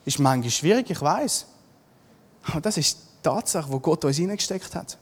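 A male preacher, giving a lively sermon, acting out Bible scenes and repeating his key lines. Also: a little high, normal speed, breathy edge, long reverb tail.

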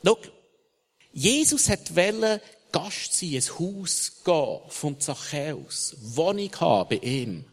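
Impassioned Swiss preacher in an echoing hall. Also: male voice, on the high side. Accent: Swiss German. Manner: impassioned, swings between loud and hushed. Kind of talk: sermon. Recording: long hall reverb.

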